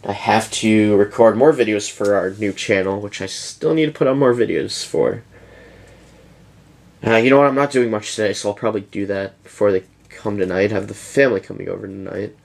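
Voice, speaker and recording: A man's voice: on the low side, steady tone, brisk, gravelly, a little mellow. A young man giving a casual, rambling deck profile to his channel, yawning as he goes. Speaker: YouTuber presenting a card deck.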